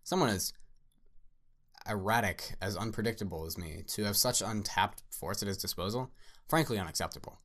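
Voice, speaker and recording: A man voicing a manic, theatrical male artist villain who fawns over his guest, loud and sing-song with big jumps upward. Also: normal speed. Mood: gleeful, menacing. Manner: obsequious, repeats "sir", swings loud and high. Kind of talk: dramatic story reading.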